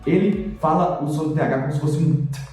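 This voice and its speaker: A man, an English teacher, explaining pronunciation points in a chatty, lively way and demonstrating sounds. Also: a little high, fairly quick, very echoey, far from the mic, soft background music, rough recording. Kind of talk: explanatory video lesson.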